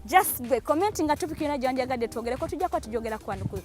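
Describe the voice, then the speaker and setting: A woman presenting an upbeat show promo, lively and inviting viewers' questions. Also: high voice, racing.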